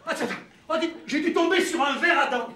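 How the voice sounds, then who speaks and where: Boisterous farce inspector, very high-voiced. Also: male voice, fairly quick, far from the mic, noisy background. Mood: boastful. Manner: boisterous, exclamatory, teasing. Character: blustering comic male police inspector. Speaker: stage actor. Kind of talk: live stage farce acting. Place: theatre stage. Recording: roomy stage recording from afar, audience laughter.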